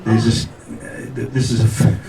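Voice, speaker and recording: A man's voice: mid-range voice, flat delivery, normal speed, vocal fry. A middle-aged man doing a brash, rambling, self-mocking stand-up comedy set. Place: live comedy show venue. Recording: roomy live venue, distant mic, loud noise.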